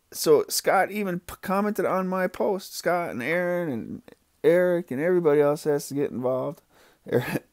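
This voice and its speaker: Gravelly, rambling man chatting casually. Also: on the high side, a little mellow, dry recording, clean studio sound. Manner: rambling, profane and gossipy, with frequent fillers. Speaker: fidget spinner reviewer. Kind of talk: casual rambling vlog chat.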